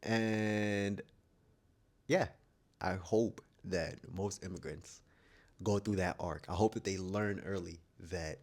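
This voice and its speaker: Deep-voiced man, frank vlog talk. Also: steady tone, slow, darkish tone. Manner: frank and opinionated, thinking aloud with restarts. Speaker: vlogger. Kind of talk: casual monologue to camera.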